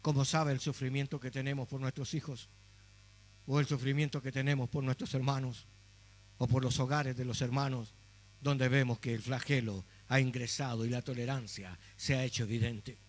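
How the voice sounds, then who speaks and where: A man voicing God as a tender, grieving heavenly father, speaking low and gently in an echoey hall with a faint hum. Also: flat delivery, normal speed, lightly acted.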